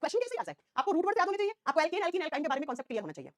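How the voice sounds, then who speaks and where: Woman teacher, high lively voice, very fast talk, dry close sound. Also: no echo. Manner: rapid, animated, questioning students constantly. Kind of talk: online class lecture.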